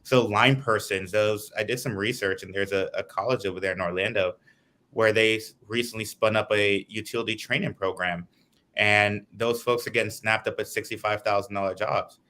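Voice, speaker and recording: A man's voice: on the low side, fairly even intonation, normal speed, pushed and bright. A man from Guyana, a political candidate, giving earnest, lengthy answers in an interview over a video call.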